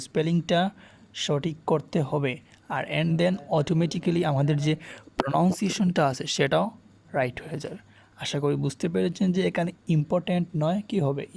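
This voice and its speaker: A man's voice: a little high, vocal fry, a little mellow. A man teaching a spoken English lesson, spelling words out letter by letter and asking and answering his own questions. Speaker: English tutor.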